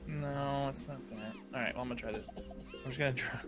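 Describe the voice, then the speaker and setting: A man's voice: medium pitch, fairly even intonation, brisk, over music. A man bantering casually as he livestreams a video game with friends, teasing and exclamatory. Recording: clear background noise with clicks.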